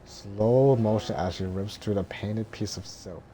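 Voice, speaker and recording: A man reading a film script as narration in a monotone, droning way, halting and stumbling over words. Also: fairly low pitch, slight background noise.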